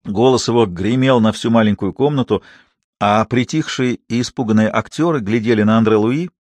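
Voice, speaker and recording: A man reading a novel aloud as scripted narration, expressive and animated. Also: a little fast, no echo. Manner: expressive reading, rising pitch for quoted speech. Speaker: audiobook reader.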